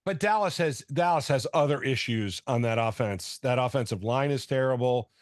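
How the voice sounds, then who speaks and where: A man's voice: mid-range voice, normal speed, no echo, clean studio sound. A man co-hosting a fantasy football show in casual sports talk, rambling and often stumbling over and repeating words.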